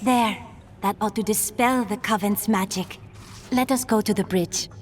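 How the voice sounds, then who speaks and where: A woman's voice: mid-range voice, slight background noise, close to an everyday voice. A woman playing a solemn, earnest enchantress with formal speech in a video game. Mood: resolute. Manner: formal, measured declarations. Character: solemn ancient enchantress, young-sounding and earnest.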